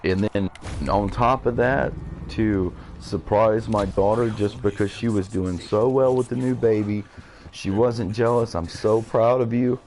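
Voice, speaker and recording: A man's voice: fairly low pitch, steady tone, measured pace, a little mellow, slight background noise. A man in his thirties talking on a live game stream, blunt, profane and emotional as he vents.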